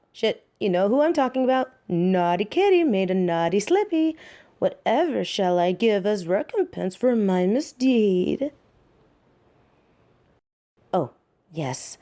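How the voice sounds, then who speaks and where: In a roleplay audio drama, a woman voices a flirty catgirl thief, coy and seductive, teasingly stretching out her words. She sounds playful and mock offended, with a mid-range voice and a dark tone.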